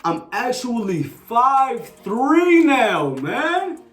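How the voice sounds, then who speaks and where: A sneaker YouTuber from New Jersey, in his twenties and with a Jersey accent, answers viewer questions in a relaxed, slangy Q&A vlog loaded with fillers. His voice is extremely high, sing-song, a bit bright, and very slow. He's far off-mic in an echoey room with faint music behind him.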